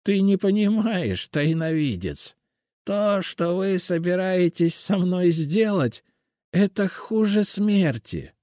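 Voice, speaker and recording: A cursed old hag, as a male narrator puts her on, squeals high and hoarse, begging in drawn-out, breathless pleas. Her voice swings wildly, and the reading is close and dry, in an audiobook. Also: big pitch swings, warm tone, no echo, full character voice. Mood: pleading. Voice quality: hoarse, shrill. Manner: pleading, desperate, drawn-out. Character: ancient female life-draining creature, old, terrified.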